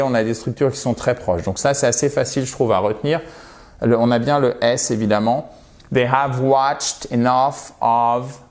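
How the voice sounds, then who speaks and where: A man with a French accent giving an online English lesson, explaining grammar in a lively teaching manner and slowing down to model example phrases. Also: mid-range voice.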